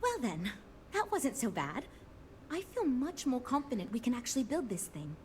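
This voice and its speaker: Earnest, lively-voiced woman team leader. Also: on the high side, moderate pace, a little hiss or hum. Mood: cautiously hopeful. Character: earnest, diplomatic woman leading a ship design team. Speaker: game character, design team leader. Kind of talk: scripted game dialogue.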